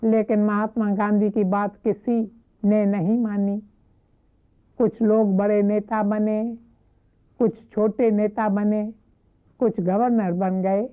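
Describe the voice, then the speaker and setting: A woman giving a devotional talk, retelling a story in a measured, reverent way. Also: medium pitch, level tone, smooth. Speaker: spiritual speaker. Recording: narrow phone-like lo-fi audio.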